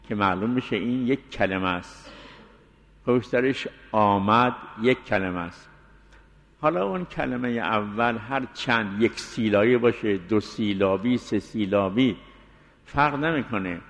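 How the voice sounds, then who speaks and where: A man teaching a seminary jurisprudence lesson, explaining step by step and slowly reciting Arabic phrases as examples. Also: fairly low pitch. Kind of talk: jurisprudence lecture. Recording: long hall reverb.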